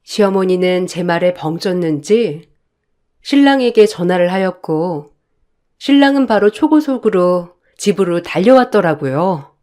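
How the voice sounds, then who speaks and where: A woman's voice: mid-range voice, a little mellow. A woman in her thirties narrating a first-person story in a resentful, determined tone.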